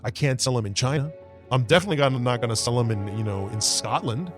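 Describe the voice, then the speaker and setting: A man's voice: mid-range voice, lively intonation, quick pace, over music, voice pushed down, close to an everyday voice. A man voicing a blunt, profane film investor who swears freely and dismisses the actor out of hand. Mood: scoffing.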